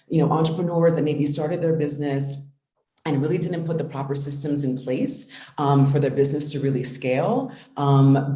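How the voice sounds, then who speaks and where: A woman's voice: low voice, mellow, roomy sound. A woman business coach answering interview questions earnestly, with frequent ums.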